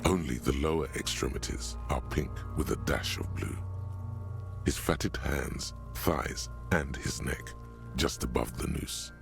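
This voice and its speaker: Brooding game narrator. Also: male voice, extremely low pitch, unhurried, gravelly, faint music behind, heavily acted. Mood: portentous. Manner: hushed and portentous. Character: ominous male game narrator.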